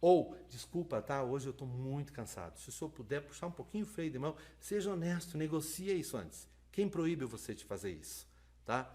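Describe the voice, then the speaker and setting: Fast-talking man lecturing. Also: a little high. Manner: lively, talks fast, asks "né?" and "tá?". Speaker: lecturer on sign language interpreting. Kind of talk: live online lecture.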